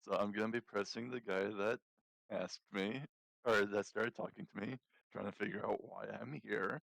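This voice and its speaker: A man's voice: on the low side, fairly even intonation, normal speed, gravelly, a bit bright, no echo, rough recording. A man playing a tabletop game, chatting casually and playfully. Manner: laughs through his lines, loose and playful. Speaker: player.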